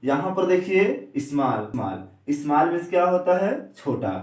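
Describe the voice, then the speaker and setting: A man teaching an English pronunciation lesson. He keeps asking questions and answering them himself, and he slows down to spell out vowel sounds. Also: high-pitched, expressive, a little mellow. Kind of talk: classroom lecture. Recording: echoey room, a bit far from the mic.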